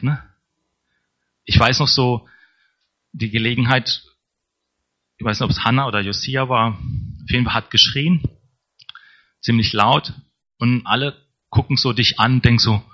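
A man's voice: mid-range voice, lo-fi sound. A man preaching a sermon in a conversational way, often checking in with the congregation. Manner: conversational, tag questions to congregation.

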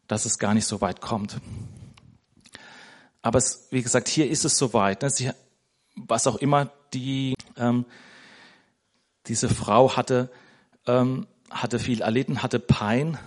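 A man with a medium-pitched, slightly mellow voice, a lay preacher, delivers an informal sermon in a church. He talks conversationally, searches for words, and tags nearly every sentence with a questioning "ne?".

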